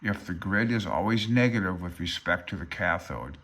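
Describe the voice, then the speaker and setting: Reading aloud from a handbook with side comments, this amateur radio hobbyist gives an informal tutorial in a deep, older male voice with a bright edge. He's expressive and talks at normal speed, yet his manner stays hesitant, self-deprecating, and uncertain.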